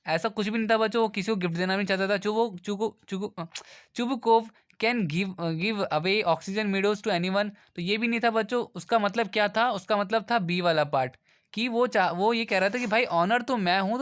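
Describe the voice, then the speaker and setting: A man's voice: high-pitched, a bit bright. Man explaining a worksheet. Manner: reads English lines slowly, then explains casually. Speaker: teacher.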